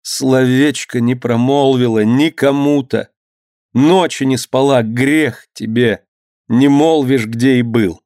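A man's voice: medium pitch, normal speed, darkish tone, no echo, clean studio sound, lightly acted. A man reading an audiobook, voicing a proud, defiant merchant's wife who stands up to her husband.

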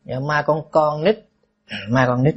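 A man, a Buddhist monk telling a story in a lively, anecdotal way, with asides to the audience. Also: fairly high pitch, measured pace, slightly rough, muffled recording. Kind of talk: storytelling sermon.

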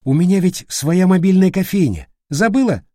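A man's voice: high voice, animated, moderate pace, warm tone, no room sound, clean studio sound, pitched above the performer's own voice. A man voicing a jumpy, pragmatic young man in an audiobook. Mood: grumbling. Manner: nervous, defensive. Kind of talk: audiobook character voice.

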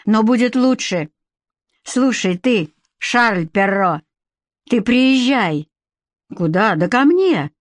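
A woman voicing a brash, bossy middle-aged woman who talks loud, blunt and rough in a storybook reading. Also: a little high, animated, slow pace, long pauses, no room sound. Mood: brisk.

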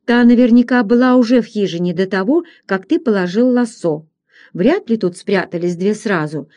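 A woman reading aloud, voicing a gruff, blunt frontier hunter who talks in a low, plain manner. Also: normal speed, warm tone, highs cut off, close to an everyday voice.

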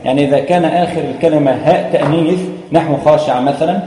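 A man teaches a lesson on Quran recitation, explaining step by step, hesitating frequently and chanting verses. His voice is fairly high, very fast and warm, in an echoey room with long reverb.

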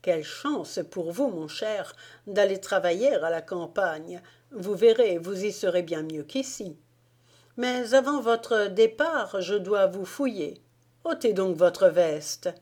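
A woman's voice: mid-range voice, expressive, slow pace, darkish tone. A woman voicing a crafty, bullying middle-aged German army sergeant, falsely genial at times and barking orders at others, in an audiobook reading.

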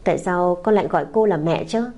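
A woman voicing a young mother who soothes a crying child in a soft, coaxing, tender way. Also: lowish voice, fast, lightly acted. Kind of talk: audiobook character voice.

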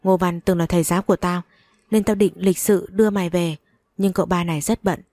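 A woman's voice: on the low side, steady tone, a little fast, warm tone, no echo, clean studio sound, close to an everyday voice. A woman reading as a cold, arrogant rich young man. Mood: contemptuous. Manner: contemptuous, curt.

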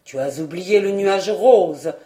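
A woman's voice: on the low side, slow, mellow, reverberant. A woman voicing a stern, commanding old fairy aunt who scolds and barks orders.

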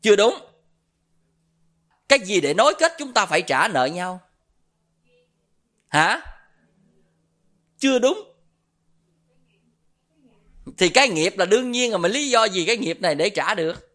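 A man's voice: high-pitched, big pitch swings, a little slow, long pauses, pushed and bright. A middle-aged man with a Southern Vietnamese accent giving a Buddhist dharma talk as a monk, telling stories and quizzing his listeners with questions. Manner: storytelling, quizzes the audience with questions.

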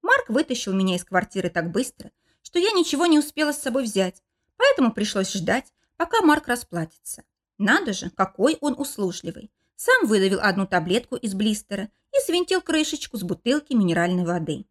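A woman's voice: mid-range voice, big pitch swings, fairly quick. A woman narrating a first-person romance novel as an audiobook, telling the story expressively.

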